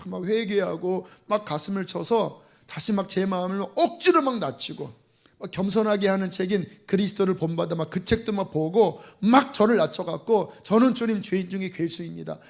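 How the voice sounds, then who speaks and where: A male pastor preaching a sermon in a church. He talks in an animated way, acting out faces and voices, with many fillers. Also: high voice, moderate pace, gravelly.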